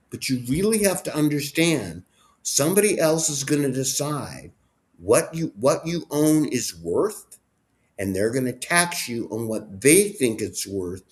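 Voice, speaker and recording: A male talk show host ranting sarcastically about politics in an animated, mocking way. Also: fairly high pitch.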